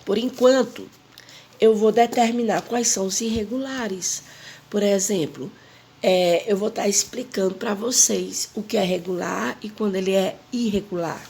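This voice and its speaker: A woman, teaching an English grammar lesson slowly and repeating the rules while stressing the example words. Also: medium pitch, gravelly, mellow.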